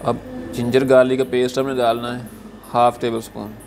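A chef talks through a stir-fry step by step in a level, unvaried voice. He speaks calmly and keeps saying "achha ji" between steps. Loud sizzling from the frying pan runs under his voice. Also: medium pitch, fairly quick, background noise. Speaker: cooking show chef. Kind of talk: step-by-step cooking instruction. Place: restaurant kitchen at a gas stove.

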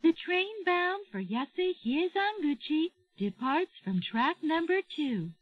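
A woman giving a recorded train announcement over the loudspeaker, formal and carefully enunciated. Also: high-pitched, very animated, very slow, dry recording. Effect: played over a train loudspeaker. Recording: dull lo-fi train audio.

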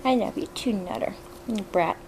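A woman's voice: moderate pace, gravelly, darkish tone, a little hiss or hum, low-quality recording. A woman filming at home, chatting about her parrot and cooing baby talk to her birds. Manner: coos baby talk to her bird, swinging high and low. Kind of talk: casual home video narration.

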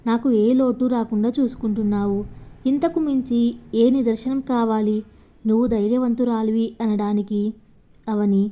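A woman reading the lines of a caring widowed mother, giving her daughter earnest, reassuring advice in a slightly high voice. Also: warm tone, lightly acted.

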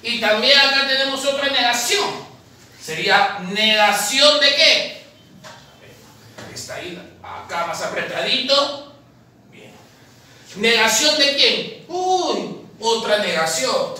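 This math tutor at an admissions academy has a very high male voice and a lively manner as he solves exam problems on an indoor chalkboard. He asks his own questions, answers them, and calls the viewer "papi," recorded by a distant camera in a very echoey classroom with faint noise.

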